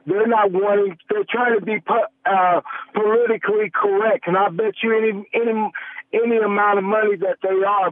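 Male phone caller, high voice, tinny line, earnest and halting. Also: no echo. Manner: earnest, halting, many restarts. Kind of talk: call-in radio talk. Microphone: telephone.

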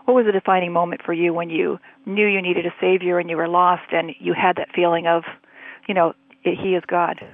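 Interviewer, mid-pitched, earnest, heard over a thin phone-like line, dry. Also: little pitch movement, a little fast, dry recording. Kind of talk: interview questions.

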